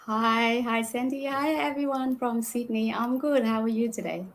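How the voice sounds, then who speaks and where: A woman in her forties, born in Vietnam with Vietnamese as her first language, talks as an interview guest, unhurried and simple, with fillers and soft laughs. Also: on the high side, fairly even intonation. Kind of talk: casual interview.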